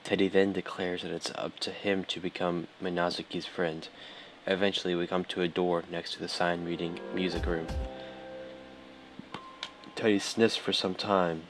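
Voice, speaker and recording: A let's play host reads the story text aloud with a dry, offhand manner and the odd stumble. His voice is low and flat. Game music plays clearly underneath. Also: moderate pace. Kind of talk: casual reading of game text.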